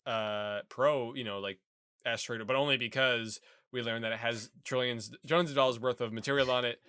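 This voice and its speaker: A man's voice: mid-range voice, fairly even intonation, a little fast, pushed and bright, clean tone, no echo, studio quality. Rambling man co-hosting a film podcast. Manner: rambling, many fillers and restarts. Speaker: podcast co-host. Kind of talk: casual chat about a movie.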